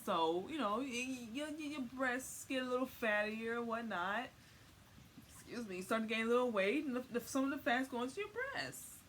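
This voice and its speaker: A young woman vlogger gives a casual, comic explainer full of slang, rambling and repeating words for emphasis. She sounds high, animated and a bit bright at normal speed, recorded at home with faint noise.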